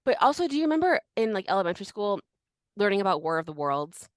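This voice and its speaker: A woman's voice: mid-range voice, big pitch swings, fast talker, no echo. Chatty woman podcast host. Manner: chatty storytelling, filler-heavy. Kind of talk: casual chat.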